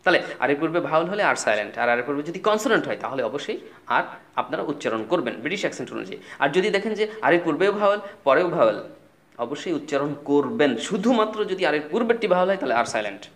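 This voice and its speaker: A man's voice: on the high side, very animated, quick pace, fairly bright tone. A man teaching spoken English, patiently explaining and repeating words and spellings.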